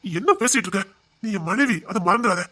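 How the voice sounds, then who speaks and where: A woman's voice: mid-range voice, animated, a little fast, bright, forceful tone, breathy edge. A woman voicing a drunk, possessive young husband who slurs and insists. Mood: earnest insistent.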